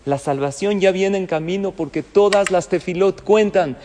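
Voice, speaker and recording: High-voiced man giving a sermon. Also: normal speed, mellow, big-room sound, a little hiss or hum. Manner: storytelling with jokes and questions to the listeners. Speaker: rabbi and lecturer.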